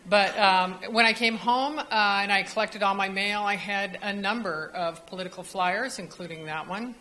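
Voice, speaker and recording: Bright-voiced older woman, chatty comment. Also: medium pitch, normal speed, rough recording. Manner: chatty, informal asides. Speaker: public commenter. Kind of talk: public comment at a council meeting. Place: council chamber, standing at a podium. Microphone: podium microphone.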